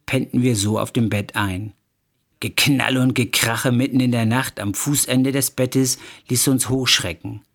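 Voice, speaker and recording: A man reads a first-person memoir aloud for an audiobook, in an expressive storytelling voice. His voice sits at a middle pitch for a man. The telling is even and conversational between the quoted lines. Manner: expressive, acting out quoted dialogue. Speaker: audiobook narrator.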